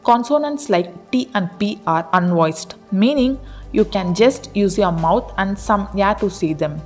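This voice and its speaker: A woman narrating a pronunciation explainer in an even, read-aloud delivery. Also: mid-range voice, a little slow, faint music behind. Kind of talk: scripted narration of an article.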